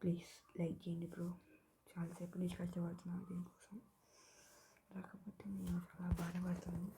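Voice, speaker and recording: Soft-whispering woman gaming host. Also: on the low side, completely flat delivery, a little fast, background noise. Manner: soft, mostly whispered talk. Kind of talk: casual gameplay commentary. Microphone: tablet mic.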